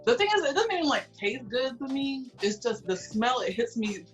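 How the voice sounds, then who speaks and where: A woman with an American accent in casual, animated, slangy chat, often saying "like". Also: high-pitched, normal speed, soft background music. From United States, Cambodian family. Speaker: interviewer and social media host.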